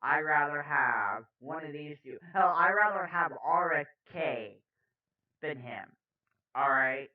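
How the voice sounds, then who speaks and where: A man's voice: a little high, expressive, slow pace. A man, a political commentator, reading the news aloud with blunt, profane, sarcastic asides. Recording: dull lo-fi sound, off-mic.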